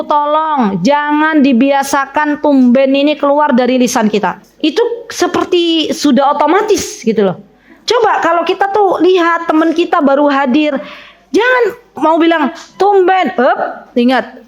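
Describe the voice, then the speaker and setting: High-voiced chatty woman preacher. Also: highs cut off. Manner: lively, chatty, acts out little dialogues. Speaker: religious teacher. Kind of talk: casual religious lesson to women. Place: women's study gathering room.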